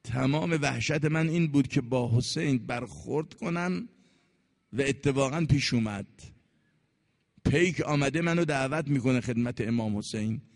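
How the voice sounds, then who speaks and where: A man preaching as he voices a devoted male warrior torn between fear and loyalty, in a low, grave tone that climbs to impassioned cries. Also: gravelly, lightly acted. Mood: fearful. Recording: long reverb in a large hall.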